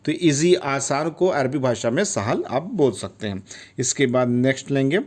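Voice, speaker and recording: A man's voice: medium pitch, expressive, normal speed, darkish tone. A man teaching Arabic vocabulary in Hindi, patiently explaining each word and repeating it with frequent check-ins. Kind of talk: vocabulary lesson.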